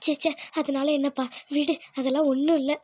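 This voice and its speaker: A woman voicing a gentle older village mother-in-law who speaks softly and tenderly to her son. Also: sits high, flat delivery, brisk, no echo, voice pushed down, lightly acted. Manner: soft, tender, reassuring.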